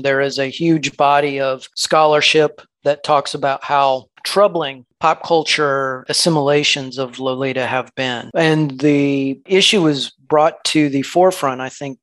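Measured man discussing books, dry sound. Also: medium pitch, a bit bright, no room sound. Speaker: podcast co-host. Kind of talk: casual literary discussion.

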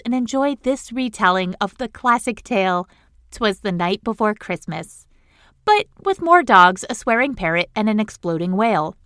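A woman hosting a podcast in a tiny studio, reading comic rhyming verse in a cheerful, animated way. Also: on the high side, clear, resonant tone, dry recording. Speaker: podcast host.

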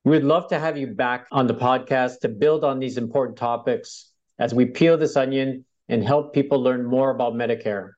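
Male host for a podcast, average pitch, a little band-limited and muffled. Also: fairly even intonation, moderate pace, a little mellow. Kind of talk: podcast hosting. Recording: dull, band-limited audio.

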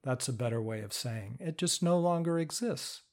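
A man giving a patient, step-by-step instructional talk, explaining calmly. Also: mid-range voice, normal speed. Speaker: teacher of inner-parts work.

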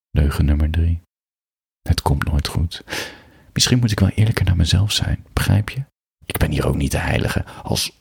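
Low, gravelly young man narrating a story. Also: dry recording, studio quality. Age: young adult. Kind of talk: first-person story reading.

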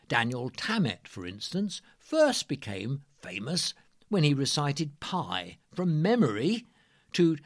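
A man reading scripted narration as a presenter, in a measured, emphatic way. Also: fairly high pitch, dry recording, clean studio sound.

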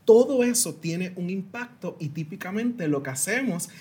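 A Puerto Rican man in his thirties, appearing as a guest consultant, gives an interview explanation in a high, expressive voice at a moderate pace. His tone is a little mellow with a breathy edge, and he animatedly uses everyday analogies with a few English words mixed in. He's from Puerto Rico.

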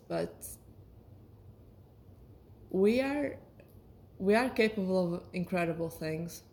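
Lower-voiced woman in casual reflective monologue. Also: darkish tone. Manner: hesitant, searching for words, self-correcting. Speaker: solo podcast host.

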